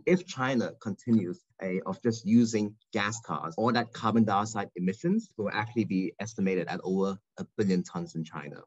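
A man giving a measured, explanatory lecture in a recorded webinar. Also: fairly low pitch, muffled recording.

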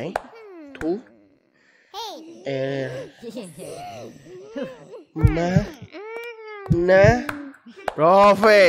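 A woman hosting a let's play, commenting with playful mischief, often turning to her viewers. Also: lowish voice. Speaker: gaming channel host.

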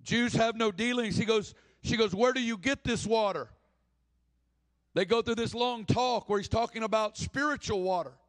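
A man's voice: sits high, fairly bright tone. A man preaching a sermon with passion, acting out the people in the story he tells. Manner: impassioned, acts out the people in the story.

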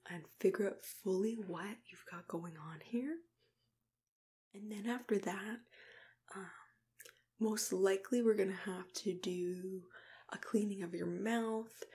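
Whispering softly right up against the microphone, a young adult woman acts as a dentist in an ASMR roleplay. Her mid-range voice stays gentle, unhurried and reassuring.

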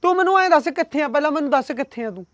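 A jealous, hot-headed young man, played by an actor who pushes and demands without letting up. His voice sits high and the words tumble out fast. Pushy and swearing, he is a short film figure. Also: lively intonation, a bit bright, slight background noise. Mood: demanding. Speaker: son and temp worker.

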